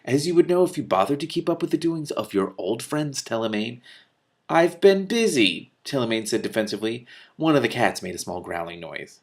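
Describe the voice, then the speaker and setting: Here a man is narrating a fantasy book aloud and also commenting on it. Character lines come out higher and louder, and he frequently pauses for brisk, lively muttering, laughter and swearing.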